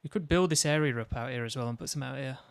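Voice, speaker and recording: A man's voice: medium pitch, fast talker, gravelly, no room sound. A man giving casual commentary while building a game mission, thinking aloud and talking to himself. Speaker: gaming video creator.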